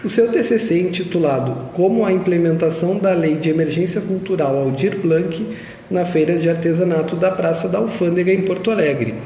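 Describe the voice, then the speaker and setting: Young guy reading the podcast intro off a script, high soft voice, dull roomy sound. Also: a little fast, a little hiss or hum. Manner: reads a prepared text steadily. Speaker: co-host. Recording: echoey long-reverb lo-fi room.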